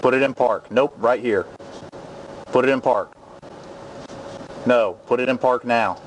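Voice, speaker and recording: Man barking orders through a car loudspeaker. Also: mid-range voice, unhurried, low-quality recording. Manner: barking short repeated commands. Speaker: police trooper. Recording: dashcam audio with loud road noise.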